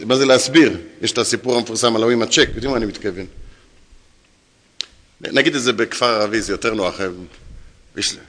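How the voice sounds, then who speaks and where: A rabbi giving a lecture to an audience, telling stories and acting out the dialogue himself. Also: male voice, medium pitch. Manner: animated storyteller acting out quoted dialogue. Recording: long hall reverb.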